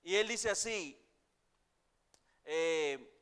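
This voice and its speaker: A man preaches in a high voice with a slow, measured delivery, repeating his phrases and calling the congregation his brothers. He swings from ringing declamation down to quiet, intimate asides. The sound carries a long church-hall reverb. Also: lively intonation, smooth. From Costa Rica. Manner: dramatic swings from loud declaiming to hushed near-whispers. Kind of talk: sermon.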